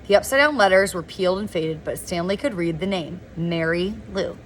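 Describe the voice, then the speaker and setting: A woman reading a novel aloud in a relaxed, informal way, now and then stumbling over words and correcting herself. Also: lowish voice, a little fast, a little hiss or hum. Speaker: reader of a novel. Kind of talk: informal read-aloud narration.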